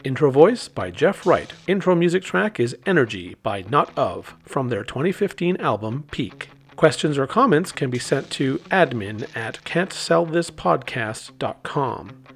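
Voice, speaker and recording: Guy cohosting a podcast, lively up-and-down voice, mostly says right yeah i hear you. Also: mid-range voice, measured pace, gravelly, few pauses, breathy edge. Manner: agreeable, short affirmations. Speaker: podcast co-host. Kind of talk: casual podcast chat and outro read. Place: Toronto, Canada.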